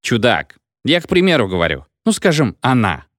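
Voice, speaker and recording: A man's voice: medium pitch, huge pitch swings, moderate pace, fairly bright tone, no echo, clean studio sound. A man voicing a drunken, pompous village medic who lectures in a rambling, hiccuping sing-song. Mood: tipsy lecturing.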